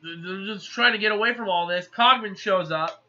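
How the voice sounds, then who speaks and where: A man giving a casual, rambling movie plot recap in a chatty, animated way. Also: sits high, normal speed. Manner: chatty, animated, acts out characters. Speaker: movie reviewer. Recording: slightly muffled lo-fi recording.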